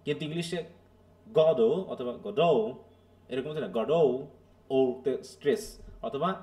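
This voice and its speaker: A man with a Bangladeshi accent lecturing a live class on drama, explaining slowly and asking his students questions. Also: a little high, a little mellow. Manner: explanatory, asks students questions, mixes English phrases. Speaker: teacher. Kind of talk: live online literature lecture.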